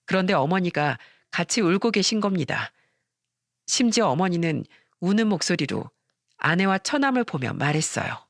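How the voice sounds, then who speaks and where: A narrator reading a scripted story in a steady, plain manner. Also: mid-range voice, normal speed, gravelly, no echo, clean studio sound.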